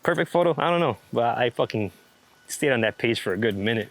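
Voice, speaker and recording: A medium-pitched man sounds animated and fairly quick as he chats casually in an interview. The street photographer rambles easily about his creative work, swearing freely throughout.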